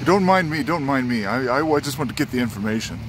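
A man's voice: mid-range voice, expressive, fast talker. Devout man interviewing on a street. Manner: affirming, repeats the answers back, devout. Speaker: interviewer and channel host. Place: outdoors on a snowy street. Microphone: handheld camera. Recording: street traffic noise. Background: traffic.

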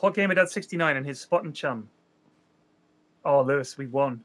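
A man's voice: mid-range voice, normal speed, fairly bright tone. A man co-hosting a gaming stream, teasing and swearing in casual banter over a headset mic. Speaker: gaming channel co-host.

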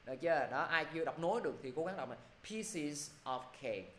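Male English teacher, slightly high voice, patient drilling, constant check-ins. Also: bright, forceful tone, a little hiss or hum. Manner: repeats "được chưa" constantly, drills words slowly. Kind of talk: online pronunciation class.

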